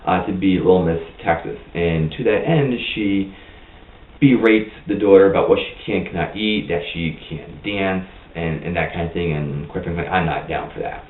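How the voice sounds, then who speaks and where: A man's voice: sits low, normal speed. A man giving a blunt, opinionated, rambling movie review in a casual vlog. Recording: tinny lo-fi, roomy, mic far off.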